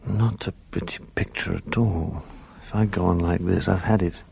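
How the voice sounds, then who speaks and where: A low-pitched, steady voice with vocal fry and a darkish tone comes from a British actor in his fifties, speaking at normal speed over slight background noise. In a radio drama he plays a weary, bereaved middle-aged writer, sleepless and bitter, narrating his days with dry, gloomy self-mockery.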